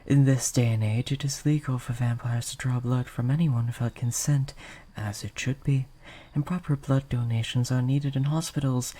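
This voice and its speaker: A performer lightly acts out a breathy, mellow vampire of medium pitch for an intimate audio roleplay, the soft voice often sinking toward a whisper. The formal, old-fashioned phrasing is courtly, hesitant, earnest, and apologetic, gentle yet possessive and lovesick. Intonation stays fairly even at a normal speed, with hardly any pauses.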